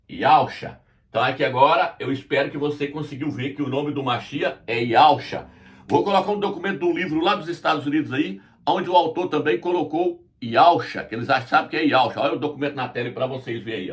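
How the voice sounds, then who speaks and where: A man giving a religious lesson at a whiteboard, explaining slowly and spelling out letters as he points. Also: mid-range voice. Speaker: Bible teacher.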